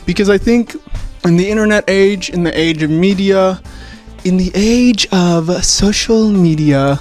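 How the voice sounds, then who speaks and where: A man with a slightly raised voice wraps up his video in a loose, rambling way, swearing freely and joking at his own expense. Soft music plays underneath. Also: sits high. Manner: rambling, swearing, self-mocking. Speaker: video essay host. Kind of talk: casual video essay outro.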